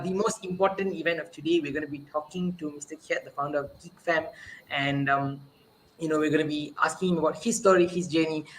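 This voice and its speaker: A chatty show host with a bright, sharp-edged voice and middle pitch. They talk in a relaxed, upbeat way, full of "like" and "you know", with faint hiss behind. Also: low-quality recording. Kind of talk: casual video interview.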